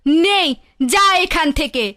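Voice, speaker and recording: A woman's voice: extremely high pitch, takes it slowly, fairly bright tone, no echo, clean studio sound, exaggerated voice. A woman voicing a grumpy, spiteful village aunt who scolds and snaps. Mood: irritated. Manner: snapping, scolding.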